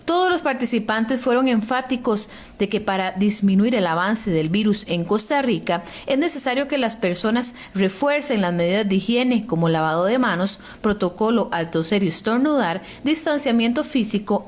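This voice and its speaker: A woman news reporter reading scripted narration in a measured, formal way. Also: mid-range voice, animated.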